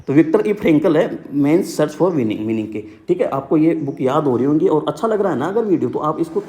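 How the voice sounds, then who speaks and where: A man's voice: on the high side, expressive, fast, dark tone. Upbeat young man teaching memory tricks. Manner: repetitive, keeps saying "ठीक है". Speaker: exam coaching teacher. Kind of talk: casual mnemonic teaching.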